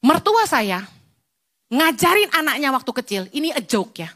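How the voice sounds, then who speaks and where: Woman pastor, middle-aged; very high, lively voice; blunt, scolding sermon delivery. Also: moderate pace. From Indonesia. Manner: blunt, scolding preacher mixing slang and English.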